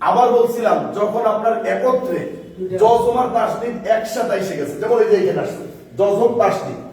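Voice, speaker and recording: A man leads a Quran reading lesson, breaking words down letter by letter and quizzing the class. His voice is high and mellow. He is recorded from a distance in a very echoey room. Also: moderate pace. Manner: explains step by step, asks the class questions. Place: mosque-side classroom.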